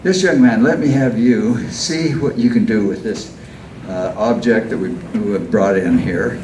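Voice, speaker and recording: A man's voice: on the low side, unhurried, a little mellow. A man working as a stage hypnotist at a live show, giving coaxing, step-by-step instructions to volunteers and audience. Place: large echoey indoor venue with audience. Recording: echoey hall from far off, noisy background.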